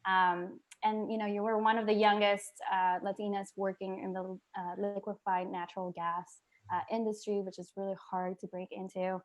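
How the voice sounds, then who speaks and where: A woman's voice: medium pitch, level tone, moderate pace. A woman hosting an online workshop on a video call, upbeat and chatty, with frequent fillers. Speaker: workshop host.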